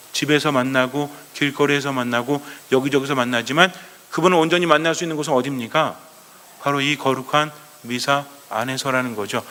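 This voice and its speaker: Animated preaching priest in a reverberant hall. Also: male voice, on the high side. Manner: animated, asks the congregation questions and acts out Gospel voices. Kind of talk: sermon.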